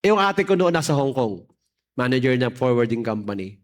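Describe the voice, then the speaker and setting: A middle-aged male pastor from the Philippines, preaching and telling his own testimony, acting out the dialogue and swinging between loud and hushed passages. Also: medium pitch, big pitch swings, brisk. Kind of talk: sermon with personal testimony.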